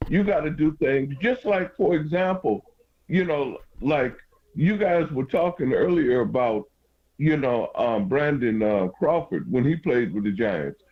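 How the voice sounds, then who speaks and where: A man calling a sports radio show, giving opinions casually and haltingly, repeating and restarting his phrases. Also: mid-range voice, lively intonation. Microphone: phone call to radio show. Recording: band-limited phone line.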